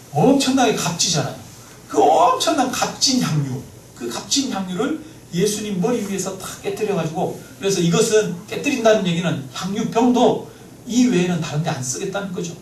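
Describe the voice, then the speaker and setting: A male pastor preaching a sermon in a church, lively, often asking the congregation questions. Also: on the high side. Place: church sanctuary. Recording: roomy, mic at a distance, faint noise.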